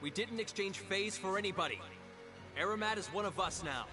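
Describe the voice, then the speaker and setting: An actor voicing an earnest young hero captain who talks in an urgent, rallying way. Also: male voice, high voice, lively intonation, fairly quick, music in the background. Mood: resolute.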